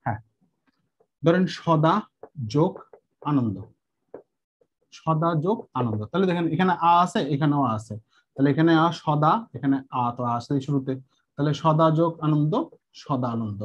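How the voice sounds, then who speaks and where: A man teaching an exam-prep grammar lesson, patiently repeating each step and slowing down to spell out examples. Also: fairly high pitch. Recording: muffled lo-fi sound.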